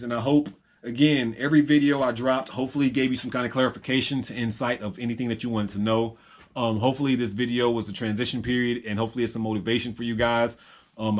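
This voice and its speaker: A young man in a rambling, reflective personal monologue to camera, full of ums and repeated phrases. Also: mid-range voice. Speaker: vlogger.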